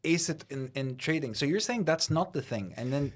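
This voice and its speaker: A man's voice: on the high side, lively intonation, normal speed. A man hosting a business podcast, asking brief, probing questions. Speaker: podcast host. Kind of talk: interview questions.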